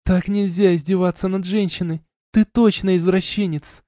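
A teasing young she-wolf woman, as a male audiobook reader puts her on, lifted well above his own dark, mellow voice. She pouts and jokes playfully. The studio sound is dry and close. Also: fairly even intonation, normal speed, dry recording, lightly acted. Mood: pouting. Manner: teasing, pouting, higher and softer than the narrator.

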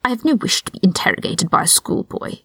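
A woman's voice: lowish voice, very animated, fast, a bit bright, husky, no room sound, studio quality, exaggerated voice. A woman voicing a cold, sneering aristocratic older man who speaks in a hissing whisper, in a whispered role-play from a read-aloud story. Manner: condescending, cutting.

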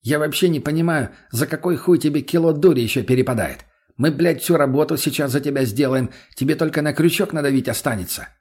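A man's voice: a little high, fast, darkish tone, slightly rough, pitched above the performer's own voice. A man voicing a foul-mouthed, brash young male thug who curses and needles everyone. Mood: cocky. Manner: cursing, cocky, needling.

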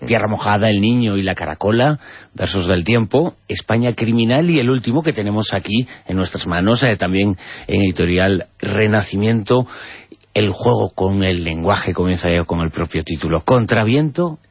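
A man hosting a radio show, introducing a guest in a measured presenter manner. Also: lowish voice, slightly rough, dry recording. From Spain. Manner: measured presenter, lists credits. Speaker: radio host. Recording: dry, dull radio broadcast.

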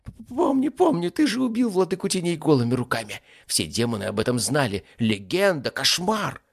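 A man's voice: fairly high pitch, sing-song, fairly quick, gravelly, husky, voice pushed up, heavily acted. A man voicing a small, whiny, cowardly young male demon who panics, pleads and whimpers. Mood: desperate.

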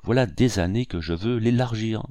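A man voicing a vain, excitable painter in an audiobook, speaking in a grandiose, feverish way. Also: fairly low pitch, moderate pace, no echo, lightly acted.

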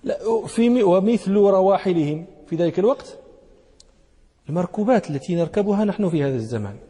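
Gravelly man teaching in a reverberant hall. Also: sits high, mellow. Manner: explanatory, repeats key phrases, checks understanding. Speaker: sheikh teaching hadith. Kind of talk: classroom lesson explaining a text.

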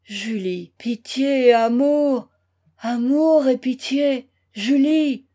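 Read by a woman, a desperate young man in a storybook pleads with anguished passion. His words come slow and heavy, in a slightly high register. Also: a little mellow, close to an everyday voice.

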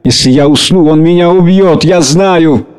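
A frightened, defiant teenage girl, put on by a man reading a story, pitched well above his own voice. She presses and pleads in urgent bursts. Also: moderate pace, a little mellow, smooth, natural voice.

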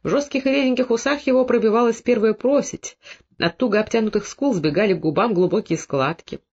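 A man narrating a literary novel in a measured, expressive storytelling manner. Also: sits high, slightly rough. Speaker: audiobook narrator. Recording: dull lo-fi recording.

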